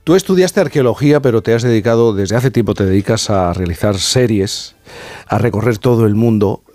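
A man's voice: fairly low pitch, fairly quick, a little mellow, dry recording. A man with a Spain accent, working as an interviewer and putting questions to a guest.

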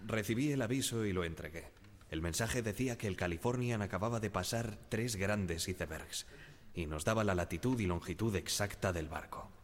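In a radio drama, an actor plays a deferential ship's wireless operator giving measured, careful testimony. The male voice is fairly low in pitch and only lightly acted.

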